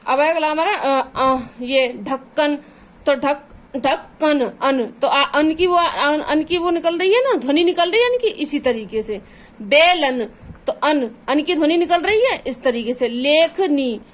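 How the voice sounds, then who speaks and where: Woman, high voice, patient teacher, repeats key points. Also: a bit bright. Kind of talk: exam-prep grammar lesson.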